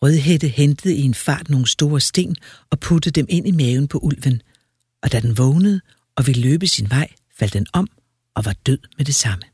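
A man reading a fairy tale aloud in a lively, expressive storyteller manner. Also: mid-range voice, slightly rough, no echo, studio quality.

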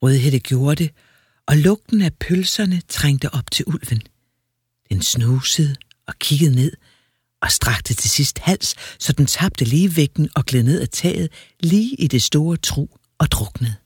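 A man reading a fairy tale aloud in a lively, expressive storyteller manner. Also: a little high, breathy edge, no room sound, clean studio sound.

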